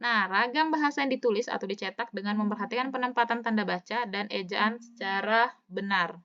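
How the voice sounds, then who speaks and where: A woman teacher talks through a recorded lesson at an even, mid-height pitch. She slows right down to read example sentences aloud, then drops back into casual, chatty asides. The audio is slightly dull and lo-fi. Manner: stretches words slowly when demonstrating intonation. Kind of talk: recorded online lecture.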